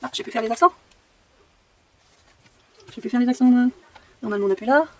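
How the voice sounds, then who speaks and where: A woman's voice: a little high, fast talker, a bit bright, a little hiss or hum. A woman making a handmade card who thinks aloud as she works, often repeating her own phrases in a sing-song way. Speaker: crafting video maker. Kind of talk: casual talk while crafting.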